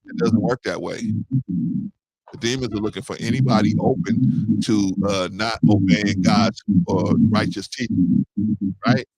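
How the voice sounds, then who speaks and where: A man's voice: fairly low pitch, fairly even intonation, a little slow, long pauses, darkish tone, breathy edge, no echo. A man hosting a casual discussion, talking things through and often checking in with "right?". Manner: conversational, repeats "right?". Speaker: host.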